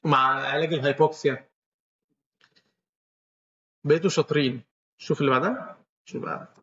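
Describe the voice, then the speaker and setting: Male lecturer, Egyptian accent, rapid step-by-step quizzing, dull lo-fi recording. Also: on the high side, steady tone, bright, forceful tone. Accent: Egyptian Arabic. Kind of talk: medical lecture with questions to students.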